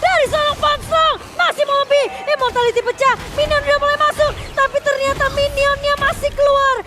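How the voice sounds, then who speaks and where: A woman with an Indonesian accent shoutcasting an esports match like a fighting game announcer, with urgent hype delivery. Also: very high voice, little pitch movement, brisk, a crowd in the background. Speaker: esports play-by-play commentator. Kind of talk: excited game shoutcast commentary.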